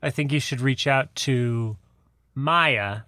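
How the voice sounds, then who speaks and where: A man's voice: mid-range voice, slow, no echo. A man co-hosting a podcast in casual, playful banter, talking close to the mic. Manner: playful, laughs often, animated banter. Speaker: podcast co-host. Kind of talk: casual chat.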